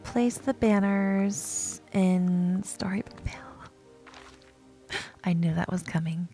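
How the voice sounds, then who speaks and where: A woman streaming a video game in a slow, unhurried and gravelly voice, giggling often and greeting viewers by name. Faint music plays behind her. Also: fairly low pitch, dark tone. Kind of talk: casual live-stream chat.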